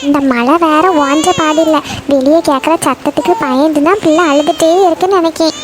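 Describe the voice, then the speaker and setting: A woman's voice: high-pitched, fairly even intonation, brisk, background noise, natural voice. A woman voicing a tired young mother in a cartoon, who scolds her daughters and soothes her baby. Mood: soothing. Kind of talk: cartoon voice acting.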